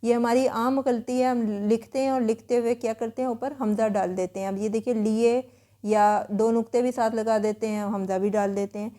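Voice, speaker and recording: A woman teacher calmly explaining spelling rules word by word, in a patient way. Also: on the high side, moderate pace.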